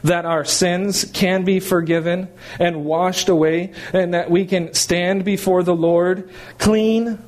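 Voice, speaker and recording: Middle-aged male pastor, sermon delivery, emphatic and animated, voice a little high. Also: takes it slowly. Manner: animated, emphatic preaching with rhetorical questions.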